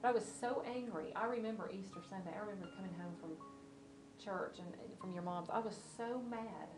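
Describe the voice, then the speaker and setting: A woman's voice: mid-range voice, fairly quick, echoey room, music in the background, low-quality recording. A woman telling a personal testimony in a candid, storytelling way. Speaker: mother sharing a testimony.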